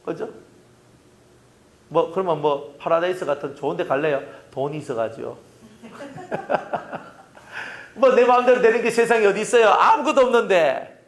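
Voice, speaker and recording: A man's voice: sits high, normal speed, long pauses. A middle-aged man with a Gyeongsang accent, preaching a sermon as pastor in a folksy, joking way, often asking the congregation questions. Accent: Gyeongsang Korean.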